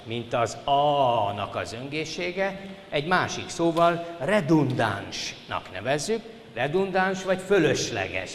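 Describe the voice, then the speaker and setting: An older man teaches a formal class and speaks politely to his students. His delivery is animated, with wide rises and falls in pitch. The recording carries a long hall reverb and a faint hiss underneath. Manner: polite formal address to students, lively emphasis. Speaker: university lecturer. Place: lecture hall.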